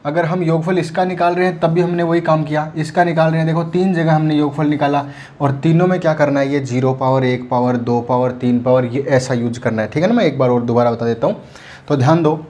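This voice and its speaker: A man's voice: fairly high pitch, darkish tone. A man teaching math at a board, asking and answering his own questions and often telling students to pay attention. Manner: asks and answers his own questions, repeats "ध्यान देना". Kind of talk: classroom lecture at a board.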